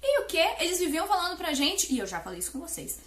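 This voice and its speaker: Animated woman with a high voice. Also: echoey room. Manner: fast, animated, playful talk with sudden loud stresses. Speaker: English teacher and YouTuber. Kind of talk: energetic casual tutorial to camera.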